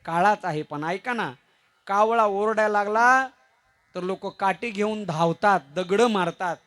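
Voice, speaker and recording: A man with a Marathi accent preaching a devotional kirtan sermon, mixing jokes and stories with slowly chanted verses. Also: high voice, fairly bright tone.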